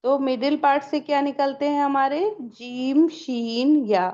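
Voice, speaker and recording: Lady teacher going thru pronunciation slowly, asks herself questions, bit muffled audio. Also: high-pitched, steady tone, a little mellow. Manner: explains slowly, asks and answers her own questions, drawn-out sample sounds. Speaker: Quran recitation teacher. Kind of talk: step-by-step lesson.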